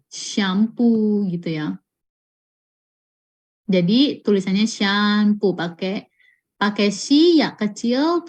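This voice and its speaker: A woman teaching a live online Japanese class, reading out student answers and stretching example words out slowly and patiently. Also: on the high side, darkish tone. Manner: slow, patient, drawn-out pronunciation of example words.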